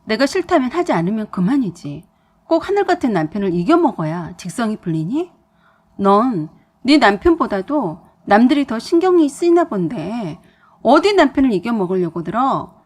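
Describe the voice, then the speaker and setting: A woman voicing an angry, domineering husband who scolds loudly in a story reading. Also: on the high side, big pitch swings, moderate pace, breathy edge. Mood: angry shouting. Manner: loud and scolding.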